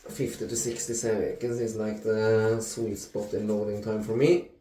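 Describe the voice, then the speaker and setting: A man in his thirties talks through his shave at a slow, unhurried pace, with plenty of ums and restarts. His voice is mellow and relaxed. The sound bounces around an echoey bathroom. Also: on the low side, a little hiss or hum. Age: 30s. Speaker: shaving video host. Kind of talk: casual talk-through vlog. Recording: echoey room.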